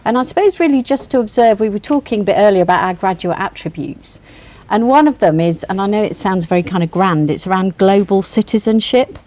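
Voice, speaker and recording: Sitting on a panel as a member of the university's senior team, a woman answers student questions in a measured, reassuring way, often restarting her sentences. Her voice is medium in pitch with a dark tone.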